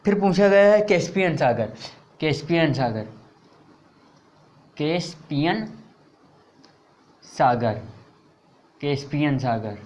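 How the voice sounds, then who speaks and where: A man's voice: a little high, very animated, a little mellow. A man teaching an exam-preparation lesson, reading out answer options word by word and repeating key terms several times, dropping his voice on them. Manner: reads out options slowly, word by word. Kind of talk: slow exam-prep lesson.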